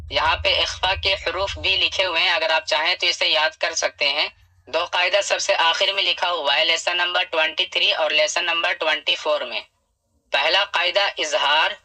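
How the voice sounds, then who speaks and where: A man teaching Quran reading step by step. He talks patiently, draws out key sounds slowly, and asks and answers his own questions. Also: fairly high pitch, sharp tone, rough recording. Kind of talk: step-by-step recitation lesson.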